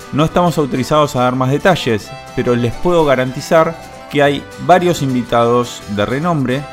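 Upbeat man announcing an event. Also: medium pitch. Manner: upbeat, promotional delivery. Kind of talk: radio announcement.

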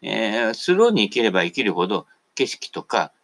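A man's voice: on the low side, big pitch swings, normal speed, fairly bright tone. A man hosting a casual radio talk monologue, chatty and digressive, tagging the ends of his phrases. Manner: digressive, jumps between topics.

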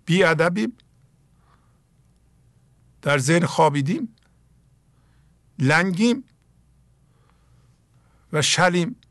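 A middle-aged man with an Iranian Persian accent, slowly reciting mystical poetry and explaining it in a plain sermon. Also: fairly high pitch, expressive, fairly bright tone, no room sound, studio quality. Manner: slow, emphatic recitation of verses then plain explanation. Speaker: spiritual teacher.

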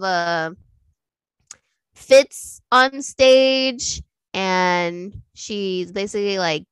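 A woman co-hosting a podcast, chatting casually about films and TV in a lively, animated way and laughing easily. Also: mid-range voice, smooth, no room sound. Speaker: podcast co-host.

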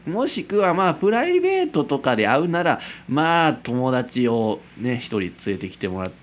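Very animated and at a moderate pace, a medium-pitched man's voice carries slight background noise. He's in his twenties, hails from Kansai, Japan, and has its accent, playing amateur host of a casual solo late-night radio-style chat. Expect rambling, self-mocking humor and frequent chuckles.

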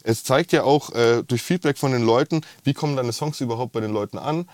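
A man's voice: medium pitch, brisk, a little mellow, dry recording. A man with a rolled R, talking casually and enthusiastically as a musician being interviewed. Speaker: musician, singer-songwriter guest.

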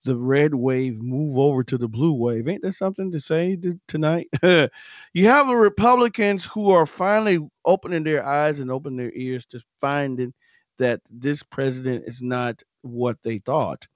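A man hosting a political news podcast talks in a chatty, conversational way, addressing his listeners directly as he reads out results. His voice sits at a middle pitch and the recording is dry and dull, like lo-fi podcast audio. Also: normal speed, dry recording. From South Carolina. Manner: chatty, addresses listeners as folks, many fillers. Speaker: podcast host.

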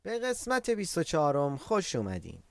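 A man teaching Korean in an online lesson, explaining patiently and repeating words for learners, sometimes slowing right down to spell a word out syllable by syllable. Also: fairly high pitch, wildly swooping pitch, vocal fry, music in the background.

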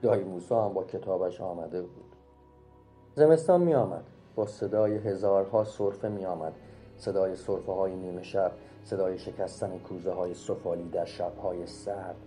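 A man reading a short story aloud as an audiobook narrator, calm and measured. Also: low-pitched. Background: faint music.

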